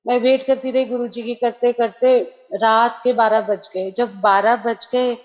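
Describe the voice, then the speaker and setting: A woman's voice: on the high side, fairly even intonation, a little slow, a little mellow, lo-fi sound. A middle-aged woman, telling a personal devotional story in a chatty way, dropping in English phrases, over a remote call. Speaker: devotee sharing a testimony.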